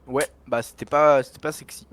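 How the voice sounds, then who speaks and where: A man's voice: medium pitch, fairly even intonation, fairly quick, a bit bright. A young adult man, a streamer casually commenting on a game with a friend in teasing, slangy speech.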